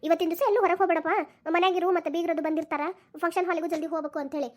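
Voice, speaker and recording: A woman's voice: very high voice, fairly even intonation, rapid-fire, darkish tone. A woman voicing a fussy, take-charge older mother-in-law, in a Dharwad Kannada accent. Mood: fussing. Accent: North Karnataka (Dharwad) Kannada.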